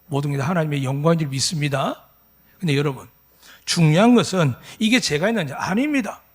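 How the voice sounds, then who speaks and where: A man's voice: a little high, expressive, brisk. A pastor in his fifties preaching at a Sunday church service, emphatic and full of rhetorical questions to the congregation. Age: 50s. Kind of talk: sermon.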